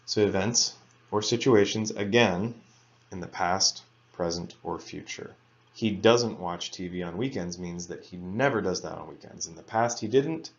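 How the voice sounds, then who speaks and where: A man teaching an English grammar lesson to students, reading example sentences slowly and carefully. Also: deep voice, vocal fry, dull audio. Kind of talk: recorded lecture for students.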